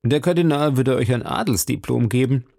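A man's voice: medium pitch, a little fast, creaky, a little mellow, dry recording, studio quality. A man voicing a scheming male agent of the cardinal in a read-aloud storybook, with a cold, scornful way of questioning.

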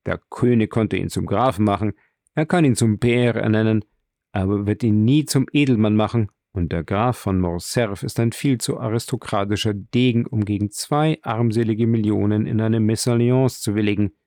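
A man doing a brisk witty journalist. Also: on the low side, dark tone, no room sound, studio quality, close to an everyday voice. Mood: assertive.

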